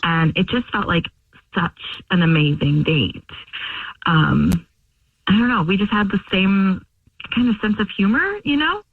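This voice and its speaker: A woman's voice: medium pitch, lively intonation, measured pace, creaky, slightly rough, no room sound. A young woman calling in to a radio show, chatty and rambling with lots of fillers. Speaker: caller. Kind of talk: phone call to a radio show. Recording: phone line from far off.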